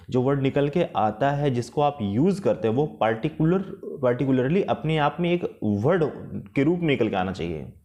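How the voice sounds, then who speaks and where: A man teaching an English lesson with patience, repeating and rephrasing each point, slow and careful in English and quicker in the rest. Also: medium pitch, a little mellow. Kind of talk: explanatory lesson mixing Hindi and English.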